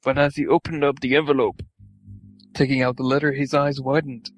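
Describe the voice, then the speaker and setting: A man's voice: mid-range voice, level tone, a little fast, low-quality recording. A man reading fan fiction aloud for laughs, stumbling over words and swearing at the text. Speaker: reader.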